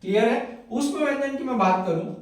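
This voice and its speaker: A man with a high voice teaches a Hindi grammar class, sounding each letter out slowly and often asking whether the class has understood. He is recorded from some distance in a very echoey room, so his voice rings off the walls. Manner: repeats "clear hai?" and "hai na" often; spells out sounds one at a time. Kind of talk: classroom lesson.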